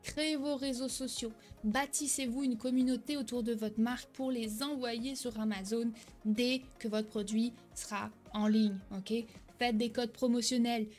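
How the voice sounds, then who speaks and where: A fairly high-voiced young woman coaching straight to the viewer with lively energy, often checking in with a quick "ok?". She stumbles and corrects herself now and then without losing momentum. Soft music sits faintly underneath. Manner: some hesitations and self-corrections. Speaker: online selling coach. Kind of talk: direct-to-camera tutorial.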